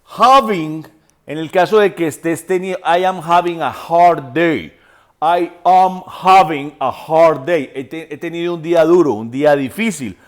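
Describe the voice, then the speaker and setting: High-pitched guy teaching english real slow, says each word over and spells it out. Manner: repeats and spells words aloud. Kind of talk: slow spoken language lesson.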